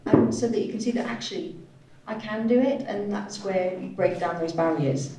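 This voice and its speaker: At a panel discussion held in an echoey indoor room, a woman interprets sign language live, giving voice to the speakers. Her mid-range voice is warm and her pace normal, while the recording, from a distant mic, carries strong reverb and faint noise.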